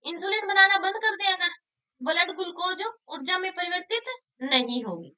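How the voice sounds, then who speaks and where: Woman teacher, very high voice, bright tone, asks and answers her own questions. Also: expressive, moderate pace. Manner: asks questions then answers them herself; repeats key answers for emphasis. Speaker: exam-prep teacher. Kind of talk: explaining solved exam questions.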